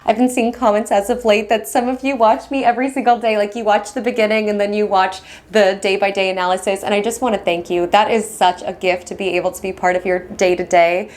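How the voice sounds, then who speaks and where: Woman astrology host, West Coast American, fast and bubbly, warmly encouraging, mid-pitched. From United States. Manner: fast, excited, affectionate and encouraging. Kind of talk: weekly horoscope monologue.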